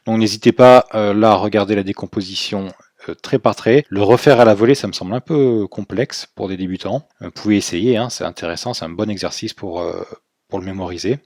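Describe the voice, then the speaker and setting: Low-voiced guy teaching a video lesson, patient, goes step by step, dry close mic. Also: a little mellow, dry recording. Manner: patient, explains step by step with fillers. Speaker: Chinese language teacher.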